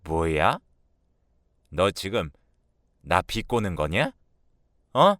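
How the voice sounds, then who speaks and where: A man's voice: lowish voice, very animated, slow, fairly bright tone, no room sound, clean studio sound, heavily acted. A man voicing a hot-tempered, scheming older mother-in-law who snaps and scolds defensively in a radio drama. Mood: indignant.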